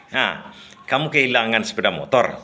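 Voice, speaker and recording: A man's voice: fairly low pitch, very animated, moderate pace, pushed and bright. A man doing a puzzled rich young man. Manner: probing, bewildered questioning.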